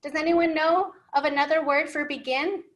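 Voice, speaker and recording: Seated at a whiteboard in an indoor library room, an American woman in her thirties runs an interactive storytime for young English learners. She talks at normal speed in a high, slightly bright voice with fairly even intonation, using simple, encouraging, teacherly phrases and asking questions.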